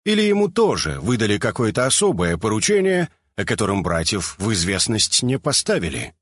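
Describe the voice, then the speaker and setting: A man narrating an audiobook in an expressive storytelling manner. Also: lowish voice, brisk, husky, no room sound, clean studio sound.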